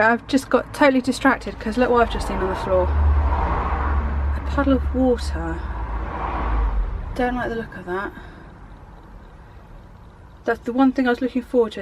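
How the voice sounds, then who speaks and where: A woman, croaky from a cold, chatting rambly and casually in a camper van vlog. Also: on the high side, steady tone, fast talker, hardly any pauses. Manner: chatty, rambling, self-interrupting. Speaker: craft vlogger. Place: inside a camper van on a busy main road. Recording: traffic noise from a main road. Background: road traffic noise.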